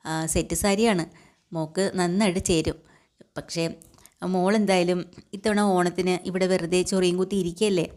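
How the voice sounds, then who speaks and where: A woman voicing a kindly middle-aged father fond of drink, speaking in a gentle, fatherly way. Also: fairly low pitch, natural voice.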